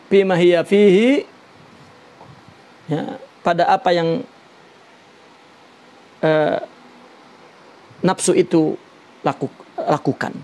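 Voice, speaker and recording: A man teaching a religious lesson on a Sufi text, slow and deliberate, explaining Arabic terms with many "ya" fillers. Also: high voice, a little mellow.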